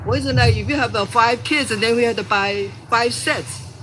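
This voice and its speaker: An older woman from Taiwan, an engineer giving unscripted remarks at a press event, halting and full of fillers. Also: fairly high pitch, a bit bright, faint music behind, low-quality recording. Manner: halting, many fillers and restarts.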